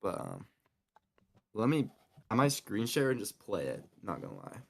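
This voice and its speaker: A man's voice: lowish voice, wildly swooping pitch, normal speed, gravelly, a little hiss or hum. A man, a musician guest on a live stream, chatting in a laid-back, offhand way and swearing casually. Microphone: computer mic on a stream call.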